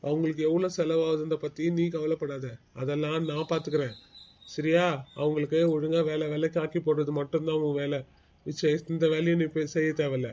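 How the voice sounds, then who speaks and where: A man's voice: fairly high pitch, little pitch movement, brisk, warm tone, highs cut off, natural voice. Man playing a stern bossy cartoon husband. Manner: firm, bossy, lecturing. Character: stern husband defending his sister. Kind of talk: cartoon family drama acting.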